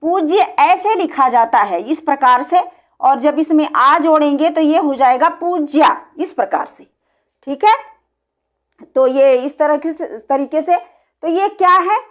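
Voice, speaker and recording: A woman with a high voice teaches a grammar lesson. She explains each point patiently and keeps asking the class questions, then answers them herself. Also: unhurried. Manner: explains step by step, asks and answers own questions.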